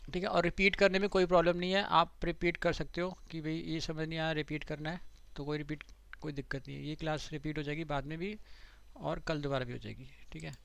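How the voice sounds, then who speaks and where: A man runs a live online class in a relaxed, conversational way, talking through screens and asking his students whether they're following. His voice sits a bit high for a man and has a gravelly, creaky edge. He speaks into a computer mic on a call. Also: fairly quick, no room sound. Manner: conversational, repeats "theek hai" to check students follow. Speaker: digital marketing trainer.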